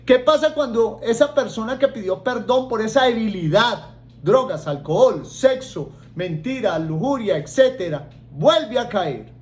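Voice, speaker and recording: A man's voice: sits high, a little slow. A man with a Colombian accent preaching a sermon, joking and acting out voices for his congregation. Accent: Colombian Spanish. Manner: animated, acts out voices and jokes with the congregation.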